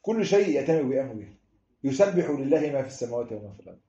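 A man's voice: mid-range voice, sing-song, racing, mellow. A man with an Egyptian Arabic accent preaching a sermon fervently, building into emphatic repetitions. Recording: roomy, dull lo-fi sound.

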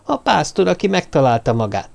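A woman's voice: sits low, sing-song, vocal fry, a little mellow, pitched above the performer's own voice, heavily acted. Man doing an eager chatty young woman.

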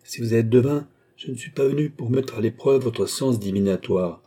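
A man's voice: medium pitch, normal speed, breathy edge, close to an everyday voice. A man voicing a tense, indignant young chevalier. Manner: clipped, indignant, trying to stay calm. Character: proud young chevalier, tense and barely controlled.

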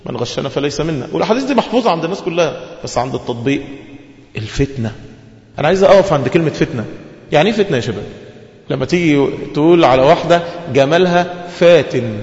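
Man, Egyptian Arabic accent, preacher, quick sermon, rhetorical questions, roomy hall echo, muffled lo-fi audio. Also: on the high side, darkish tone. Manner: asks the listeners questions and answers them himself. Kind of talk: religious lesson sermon. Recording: echoey hall, dull lo-fi sound.

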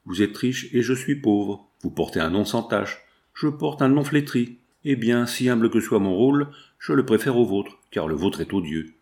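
Defiant young working woman, impassioned and indignant, read by a man with a lowish voice in a novel reading. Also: lively intonation, moderate pace, darkish tone.

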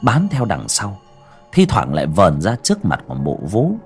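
A man narrating a horror story in a dramatic, expressive storytelling manner. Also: deep voice, moderate pace, soft background music.

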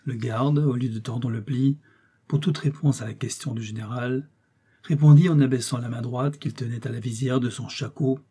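Man narrating an audiobook, measured and even, dark mellow voice, slightly husky. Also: mid-range voice.

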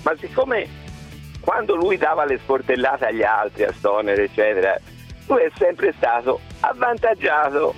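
Male phone-in caller, mid pitch, muffled sound, insistent and halting sports opinions. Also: very animated. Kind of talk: opinionated casual sports talk. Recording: muffled call, faint music.

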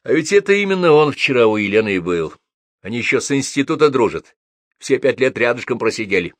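A man voicing a seasoned police colonel who speaks calmly and firmly with a dry irony. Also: medium pitch, fairly quick, no room sound, voice pushed up, close to an everyday voice. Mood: ironic. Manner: calm, firm, dryly ironic. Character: seasoned police colonel, calm, dryly ironic.

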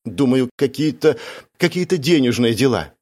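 A man's voice: medium pitch, lively intonation, normal speed, a little mellow, voice pushed up, lightly acted. A man doing a tearful, frightened young woman. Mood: pleading. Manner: pleading, breathless swearing.

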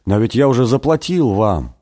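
A man's voice: mid-range voice, sing-song, normal speed, mellow, voice pushed up, close to an everyday voice. A man doing a whispering, sinister visitor. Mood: displeased. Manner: displeased whisper.

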